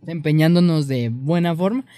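A man's voice: on the high side, moderate pace, dark tone, no echo. A man from Guatemala with a Guatemalan Spanish accent, co-hosting a podcast and joking while explaining slang with examples. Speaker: podcast co-host. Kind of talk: casual podcast chat.

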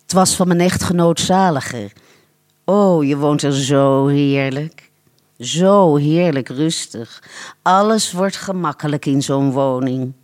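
A pampered, haughty rich lady from a storybook, as the reader puts her on, savoring every word in a languid, self-satisfied drawl. The delivery is unhurried and lingering. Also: mid-range voice, a little mellow, natural voice. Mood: gushing. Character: wealthy, haughty older woman with dogs.

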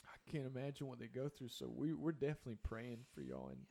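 A man's voice: medium pitch, sing-song, quick pace, warm tone. A man, sharing a faith testimony earnestly and emphatically. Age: 20s.

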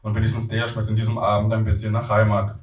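A man's voice: fairly low pitch, completely flat delivery, fast talker. A young man reading a comic story aloud at a live event, in a dry, matter-of-fact way. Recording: echoey room, from far off.

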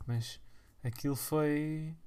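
A man's voice: a little high, steady tone, slow, darkish tone, clean tone. A young man with a European Portuguese accent, rambling in a slangy, mocking casual vlog monologue. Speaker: vlogger.

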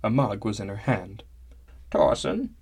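A man reads a fantasy novel aloud in the first person. He keeps a measured, descriptive storytelling pace in a fairly low voice. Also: a little mellow. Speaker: audiobook narrator. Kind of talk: scripted first-person narration.

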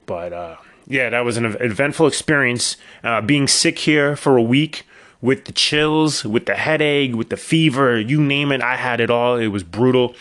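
A middle-aged man hosts his own casual solo podcast, spinning long rambling stories full of wry asides. His mid-range voice moves at a moderate pace with a fairly bright tone, though it sounds a little worn after an illness.

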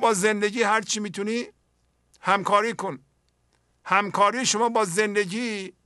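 A man hosting a spiritual poetry program, explaining the verses earnestly and dropping to a soft voice when he acts out inner dialogue. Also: high-pitched, no room sound, studio quality. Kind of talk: spoken commentary on mystical poetry.

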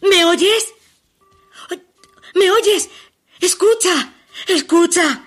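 An actress performing a stage monologue as a desperate woman pleading with her departing lover by phone, halting and emotional, shifting between hushed pleas and urgent outbursts. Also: high voice, soft background music. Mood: anxious. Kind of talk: theatrical monologue.

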